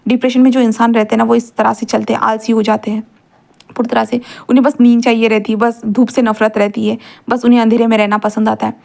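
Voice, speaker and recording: Casual woman storyteller with mellow tone. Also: a little high, little pitch movement, quick pace, creaky. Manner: casual, explanatory, with many fillers. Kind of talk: fan fiction narration.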